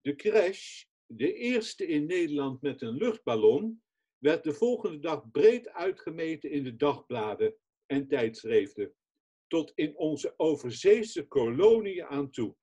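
A man, a society chairman, giving a webinar talk from notes in a measured reading voice with small restarts, over a computer mic. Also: on the high side, sing-song, mellow, breathy edge.

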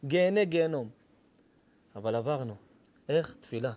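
A man in his forties, a rabbi preaching an emotional sermon, swinging from quiet confession to pleading cries. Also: medium pitch, animated, a little hiss or hum. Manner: impassioned, rising to pleading cries.

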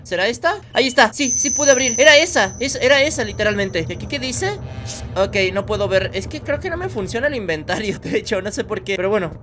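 A young man with a Mexican accent, a gaming YouTuber, narrating a horror game and jumping into frantic screams. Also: sits high. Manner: jumpy, breaks into frantic screams. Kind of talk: horror game let's play commentary. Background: faint game music.

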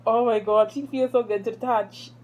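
A woman vlogger gushing over an unboxing in a casual, animated way, repeating excited exclamations. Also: a little high, normal speed, muffled recording, a little hiss or hum.

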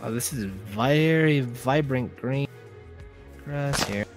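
A man playing along as a guest, narrating his finds with excitement in casual chat. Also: mid-range voice, takes it slowly. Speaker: guest player. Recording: faint music behind.

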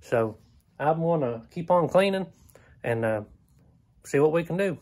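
A slightly high-voiced man in his thirties with a drawl, easygoing and plainspoken as he narrates his chores. He fills pauses with "uh" and keeps a relaxed homestead-vlog pace, speaking into a phone camera held at arm's length in an open wooden barn. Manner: easygoing, plainspoken, many "uh" fillers. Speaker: homesteader vlogger. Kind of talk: casual walkthrough narration.

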